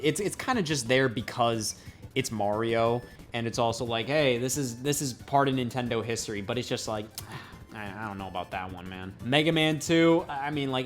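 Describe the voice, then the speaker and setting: Rambling casual male game reviewer. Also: mid-range voice. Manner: rambling, lots of fillers and restarts, blunt opinions. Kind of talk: casual commentary.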